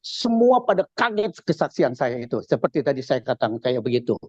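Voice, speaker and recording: A man's voice: medium pitch, a little fast, husky, no room sound, dull audio. A man from Indonesia with a Jakarta accent, giving a casual spoken church testimony and acting out the dialogue as he tells it. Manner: animated storyteller acting out dialogue.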